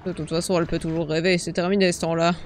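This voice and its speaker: A man's voice: a little high, level tone, very fast, a little hiss or hum. A man giving comedic in-character commentary on a horror game playthrough, sarcastic, crude and boastful. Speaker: gamer narrating a parody playthrough in character.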